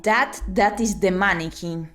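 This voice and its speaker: A woman streaming a visual novel reads its narration aloud and comments along the way, at a measured pace. Her voice is middling in pitch and her delivery expressive, with exclamations and mutters to herself. Music is clearly audible in the background.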